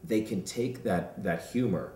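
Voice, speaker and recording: A man's voice: lowish voice, a little slow, mellow, a little hiss or hum. A man, a comedian, talking earnestly as the guest in a casual interview, with a habit of repeating words when he gets keen. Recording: roomy sound from a distant mic.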